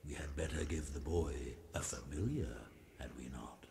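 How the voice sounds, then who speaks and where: A man's voice: a bass voice, vocal fry, noisy background. An actor playing an ancient talking tree in a video game, wise, weary and stately, drawing out his words. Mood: stately, wry. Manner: stately, slow, drawn-out.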